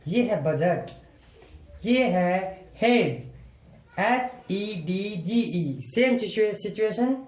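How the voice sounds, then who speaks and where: A male teacher talks through a lesson at an unhurried, deliberate pace, spelling each word out letter by letter before he says it. He goes over every rule more than once, patiently. The recording has a roomy, echoey sound. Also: sits high, darkish tone. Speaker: English teacher. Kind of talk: explaining a lesson to viewers.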